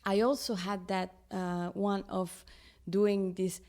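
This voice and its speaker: A woman's voice: medium pitch, little pitch movement, slow, darkish tone. A woman from Peru, a film director, talking in an interview and searching for words as she explains her ideas. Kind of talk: casual interview talk.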